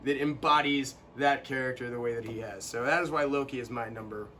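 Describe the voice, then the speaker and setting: A young man co-hosting a casual chat, animated and quick to burst into quoted lines. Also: mid-range voice, slight background noise. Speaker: co-host.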